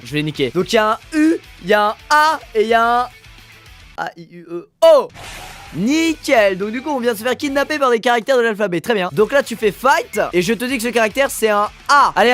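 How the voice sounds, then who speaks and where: A fast-talking man gives excitable commentary while playing a game, his high voice bouncing all over. He jokes crudely and swears often. Soft game music plays faintly behind him. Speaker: gaming video host. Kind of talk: gaming commentary.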